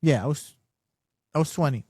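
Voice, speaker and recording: High-voiced young man chatting. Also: moderate pace, a little mellow, husky, no echo, clean studio sound. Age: 20s. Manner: laughs often, short interjections. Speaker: podcast co-host. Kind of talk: casual chat.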